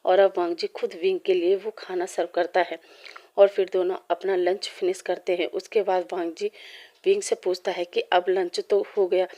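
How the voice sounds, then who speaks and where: A woman storyteller narrating fan fiction at a steady pace, in short phrases. Her voice is mellow and dark-toned. The pitch stays flat and level. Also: moderate pace.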